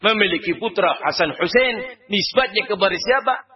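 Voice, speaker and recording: A man preaching a study sermon, asking the audience rhetorical questions and swinging between loud and hushed delivery. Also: sits high, lively intonation, moderate pace, breathy edge, highs cut off.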